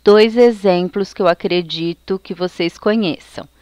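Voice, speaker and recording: Brazilian woman teacher, slow and careful delivery, smooth voice on a dry close mic. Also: medium pitch, darkish tone, no echo. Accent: Brazilian Portuguese. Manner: slow, careful explanation, reading out lists. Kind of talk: recorded lesson for children.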